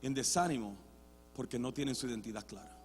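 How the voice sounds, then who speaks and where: A man preaching a sermon as a pastor, switching between Spanish and English, restarting words often and swinging from quiet talk to loud shouting. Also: mid-range voice, a little fast, long reverb tail, faint music behind. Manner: builds to loud shouted passages, then drops to quiet. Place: church sanctuary.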